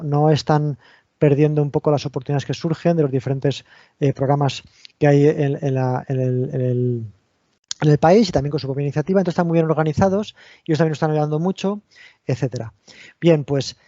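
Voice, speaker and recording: A man with a Spanish accent from Spain presents an online technical talk as an invited lecturer, explaining one step at a time and often beginning sentences again. His voice is fairly high and dark-toned. The recording has no room sound and comes across muffled.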